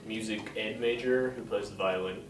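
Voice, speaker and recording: A man's voice: on the low side, fairly even intonation, normal speed, slight background noise. A nineteen-year-old man, a music student, talking casually in an interview, recorded by a camera across a small room. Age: young adult. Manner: casual, matter-of-fact. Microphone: camera mic at a distance. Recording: echoey room, distant mic.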